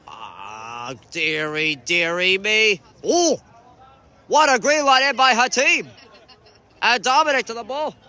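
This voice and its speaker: A man giving excitable sideline commentary on a youth soccer match, groaning and shouting as plays unfold. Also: high-pitched. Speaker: amateur commentator.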